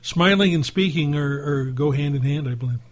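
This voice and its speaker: A male radio co-host chats in a relaxed, conversational way. His voice sits a little above the usual pitch for a man. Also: normal speed. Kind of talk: casual radio talk show chat.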